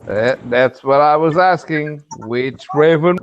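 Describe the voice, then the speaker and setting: A man's voice: on the high side, takes it slowly, highs cut off, a little hiss or hum. A man hosting a casual group chat on a live stream, teasing the others and laughing often.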